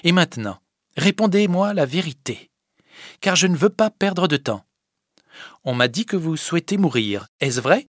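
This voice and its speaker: With his voice pushed up to a fairly high pitch, the man reads at normal speed with lively intonation in a dry, studio-quality recording. As a commanding village girl in an audiobook, he scolds firmly and then grows gentle.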